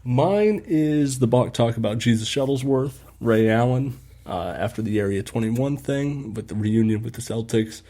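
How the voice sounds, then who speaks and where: A man's voice: medium pitch, expressive, normal speed, hardly any pauses, mellow. A man hosting a casual sports podcast, rambling and laughing often as he corrects himself. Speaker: podcast host.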